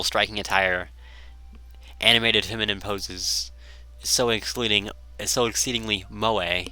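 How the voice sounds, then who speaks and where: Low-voiced man reading a game aloud. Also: sharp tone, no room sound. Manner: stumbles over words and restarts often. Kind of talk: reading a visual novel aloud with commentary.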